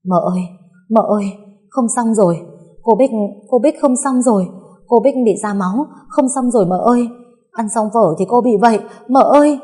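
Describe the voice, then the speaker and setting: A woman's voice: fairly high pitch, normal speed, mellow, voice pushed up, lightly acted. A woman voicing a panicked young maid who stammers breathlessly.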